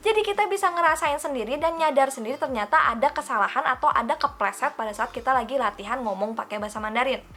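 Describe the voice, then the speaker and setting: A young woman gives a casual language lesson to her viewers. Her voice sits high and sounds bright and forceful. She chats along, calls herself by her own name and keeps asking rhetorical questions. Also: animated, fast talker, hardly any pauses. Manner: chatty, asks listeners rhetorical questions. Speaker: Mandarin teacher.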